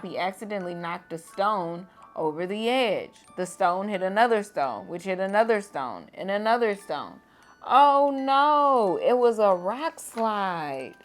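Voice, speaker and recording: A female teacher with a mid-range voice reads a children's picture book aloud at bedtime. Her delivery is gentle and expressive.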